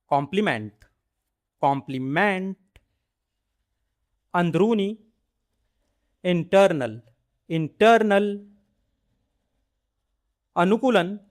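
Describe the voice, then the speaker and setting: A man with a high-pitched voice works through a vocabulary list at a very slow, deliberate pace. He says each word, then repeats its English equivalent twice in an even, measured recitation, like a teacher running a drill. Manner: measured, evenly paced recitation.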